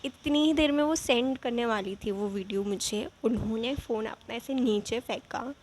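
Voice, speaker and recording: Young woman vlogging a spooky story, lively and chatty, slightly high voice, faint hiss. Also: moderate pace. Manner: chatty, animated, frequent asides. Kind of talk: casual storytelling.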